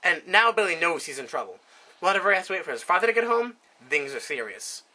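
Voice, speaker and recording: Bright-voiced deadpan storyteller. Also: mid-range voice, fast, rough recording. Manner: deadpan, profane, rambling. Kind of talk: comic storytelling to friends.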